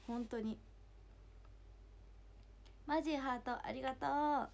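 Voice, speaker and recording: Young woman, hoarse and high-pitched, chatty and giggly livestreamer reading out fan comments. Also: fairly even intonation, extremely slow. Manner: chatty, giggly, thanks viewers by name. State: hoarse after two shows. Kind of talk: casual livestream chat.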